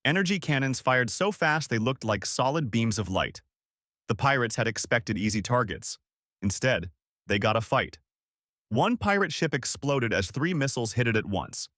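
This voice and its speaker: A man narrating a science-fiction story in a steady, expressive reading. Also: mid-range voice, normal speed, no echo, studio quality.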